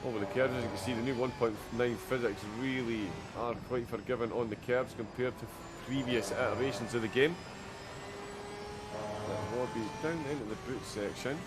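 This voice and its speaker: A man's voice: mid-range voice, fairly even intonation, moderate pace, very noisy. Man giving casual sim racing commentary. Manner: chatty, many "uh" fillers, reacts to the action. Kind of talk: live race commentary.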